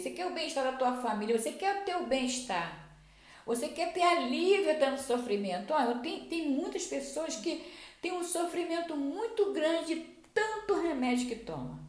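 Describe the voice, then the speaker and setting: A woman giving earnest Bible teaching in a sermon style, repeating herself and restarting often. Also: high-pitched. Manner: earnest, repetitive, with many restarts. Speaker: Bible teacher at a church program. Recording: roomy echo.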